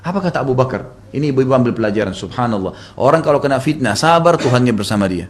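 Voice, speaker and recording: Brief: a fast-talking middle-aged male preacher, dramatic storytelling sermon with sharp loud jumps. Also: mid-range voice, expressive. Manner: dramatic storytelling with acted quotes and sudden loud rises.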